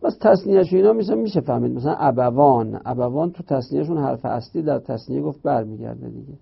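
Gravelly man teaching grammar. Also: mid-range voice, expressive. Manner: explains step by step, asks and answers his own questions. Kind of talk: Arabic grammar lesson. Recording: dull lo-fi recording.

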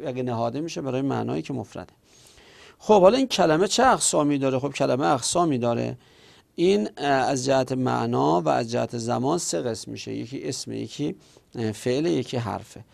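A man teaching a lecture, explaining slowly and deliberately with frequent hesitations. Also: medium pitch, creaky, darkish tone. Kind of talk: recorded classroom lecture. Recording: audio from a lecture recording.

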